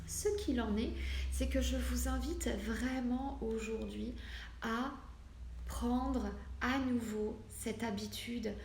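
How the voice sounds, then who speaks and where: Speaking to online followers as a medium, this French woman in her forties of Portuguese heritage sounds earnest and emphatic in a casual, motivational-vlog manner. Her voice is a little high, steady, slow and slightly mellow, in a room with echo and clear background noise.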